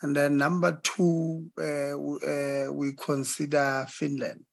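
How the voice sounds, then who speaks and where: A man speaking as a committee member in a formal debate, halting with many pauses and fillers. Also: fairly high pitch, little pitch movement, creaky, no echo.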